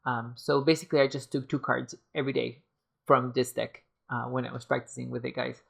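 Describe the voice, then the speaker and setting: This tarot deck reviewer is a woman speaking in a very deep, creaky voice at a brisk clip and in a level tone. She is losing her voice, so her casual video review comes out hesitant, full of fillers and restarts.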